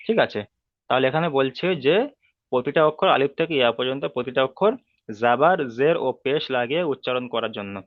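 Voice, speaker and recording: A male teacher leads an online class, drilling each sound slowly and patiently. His voice comes through a narrow, tinny, phone-like line. The sound is dry and close, with no room echo. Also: medium pitch. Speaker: Arabic reading teacher.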